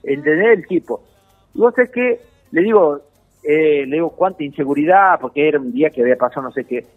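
An Argentine comedian telling a story on a radio show, acting out the lines of the people in it. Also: male voice, a little high, brisk, faint music behind. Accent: Argentine Spanish. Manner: animated storyteller acting out dialogue. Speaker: comedian guest. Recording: tinny phone line.

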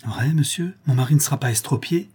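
A man voicing a fervent, grateful young working-class woman, speaking in exclamations with a raised pitch. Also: brisk, dark tone, husky. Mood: pleading.

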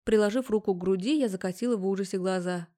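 A woman's voice: medium pitch, fast, warm tone. Young woman narrating a story, wry. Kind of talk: first-person audiobook narration.

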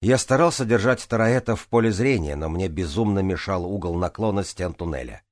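Deep-voiced male audiobook narrator. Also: lively intonation, a little fast, dry recording, clean studio sound. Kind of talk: first-person audiobook narration.

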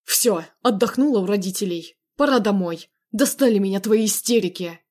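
A woman's voice: medium pitch, moderate pace, close to an everyday voice. A woman doing a possessive, domineering man. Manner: loud, commanding, menacing.

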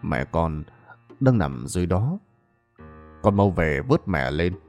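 A man voicing the sorrowful ghost of an old father, speaking low and quiet. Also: sing-song, takes it slowly, faint music behind, exaggerated voice.

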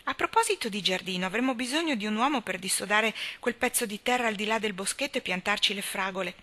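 A woman reading an audiobook, voicing a warm, impulsive young married woman who speaks eagerly. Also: medium pitch, animated, fast talker. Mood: friendly.

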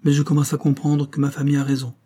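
A man voicing a calm, self-sacrificing young woman, in a measured, earnest way. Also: fairly high pitch, slightly rough, pitched above the performer's own voice.

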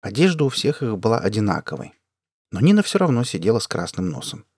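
A man reading a science fiction story aloud as an audiobook narrator, in an even, measured way. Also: fairly low pitch, slightly rough, dry recording, clean studio sound. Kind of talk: scripted narration.

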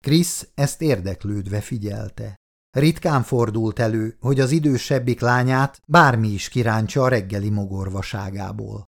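A man narrating an audiobook in an even, measured storytelling manner. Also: on the low side, creaky. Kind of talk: scripted narration.

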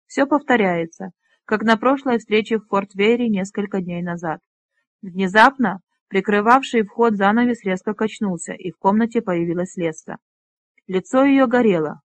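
A woman narrating a fantasy book in a steady, expressive reading. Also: mid-range voice, no echo. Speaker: audiobook narrator.

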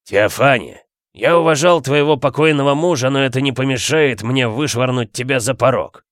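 A man voicing a rude, bad-tempered husband who talks gruffly and barks his words. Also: medium pitch, moderate pace, fairly bright tone, no echo, clean studio sound, close to an everyday voice. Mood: rude, angry. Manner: gruff, barking.

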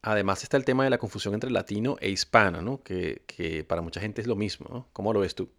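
A man co-hosting a casual podcast, telling anecdotes in an unhurried way and often checking in with "¿no?". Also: lowish voice, fairly bright tone, soft background music. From Venezuela. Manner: unhurried storytelling with frequent "¿no?" checks. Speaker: podcast co-host. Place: living in Germany.

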